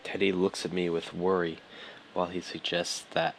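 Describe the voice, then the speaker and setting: A man's voice: deep voice, flat delivery, normal speed, vocal fry, slight background noise. A man hosting a let's play, reading the game text aloud in an offhand, dry way, stumbling over lines, with game music behind.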